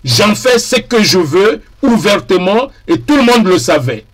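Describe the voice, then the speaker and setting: A man speaking in a deliberate, emphatic way and repeating key phrases for weight, as a TV political commentator. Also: high-pitched, very animated. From DR Congo.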